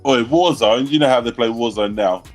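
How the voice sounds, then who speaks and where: A man's voice: medium pitch, a little fast, faint music behind. A young man with a New Zealand accent, co-hosting a casual livestream chat and telling rambling stories with plenty of laughter. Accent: New Zealand English. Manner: rambling storyteller, laughs a lot. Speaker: livestream co-host.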